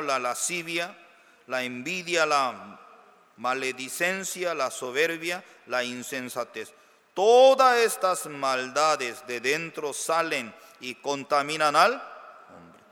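A man preaching as a pastor, slow and emphatic with sudden loud rises. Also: medium pitch, clean tone, in a large hall. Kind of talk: sermon.

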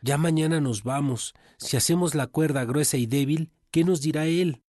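A man's voice: fairly high pitch, normal speed, a little mellow, no echo, clean studio sound, voice pushed up, natural voice. A man voicing a group of tired male servants who complain about their master. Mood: grumbling. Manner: complaining, exasperated.

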